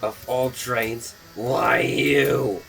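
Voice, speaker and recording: A man's voice: mid-range voice, steady tone, extremely slow, gravelly, a bit bright, soft background music, heavily acted, low-quality recording. A man voicing a grumpy, sardonic talking train in a cartoon. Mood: grumbling.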